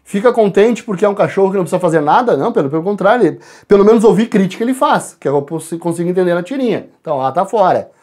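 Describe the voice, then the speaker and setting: A man's voice: sits high, very fast, few pauses. A male teacher goes through exam answers, talking straight to the students and their parents. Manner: lively, addresses class and parents directly.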